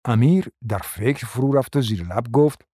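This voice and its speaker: Mellow-voiced male radio narrator. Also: mid-range voice, animated, dry recording, studio quality. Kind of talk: scripted narration.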